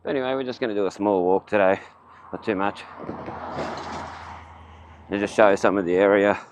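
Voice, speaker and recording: A man's voice: fairly low pitch, a little fast. A man with an Australian accent, muffled by a face mask, rambling casually as he films a walking vlog outdoors. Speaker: vlogger. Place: outdoors, walking along town streets. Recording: muffled, dull audio with faint outdoor noise. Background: faint outdoor ambience.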